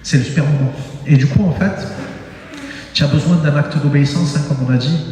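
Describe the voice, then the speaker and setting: A man preaching a sermon in a church, animated and emphatic, often exclaiming and breaking into laughter. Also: fairly high pitch, a little fast, a little hiss or hum. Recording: very echoey church hall with long reverb.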